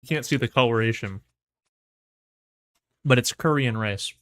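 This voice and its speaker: A man's voice: mid-range voice, moderate pace, fairly bright tone, clean tone, no room sound. Casual male streamer, mouth numb from dentist. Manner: laid-back, slangy. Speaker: livestream host. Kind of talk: casual gaming livestream chat.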